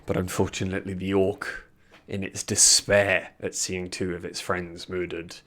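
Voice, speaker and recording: A man acting as game master, narrating and refereeing a tabletop game in a dramatic, measured way. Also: low-pitched, flat delivery, sharp tone.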